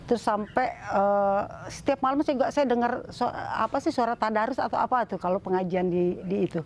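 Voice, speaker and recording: A woman's voice: medium pitch, a little fast, a little mellow, a little hiss or hum. A middle-aged woman telling her personal story in a casual interview, chatty, with many fillers and restarts, acting out the conversations.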